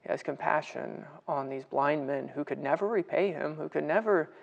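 A man teaching Scripture in a relaxed livestream, his voice sitting a little high with a gravelly rasp underneath. He talks conversationally, greets viewers by name and keeps posing questions to them. The tone is friendly and unpolished, like a group study rather than a pulpit. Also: normal speed, muffled recording. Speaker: Bible study leader. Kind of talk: casual livestream Bible teaching.

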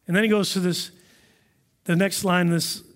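A man preaching a sermon in a conversational, animated storytelling manner. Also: sits high, moderate pace. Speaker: pastor.

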